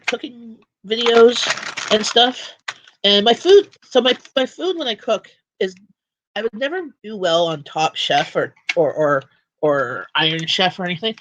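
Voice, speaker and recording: A woman's voice: medium pitch, noisy background. A woman hosting a casual livestream chat from home. She rambles and often restarts her sentences. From Canada. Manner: rambling and chatty, with frequent restarts. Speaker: livestream host.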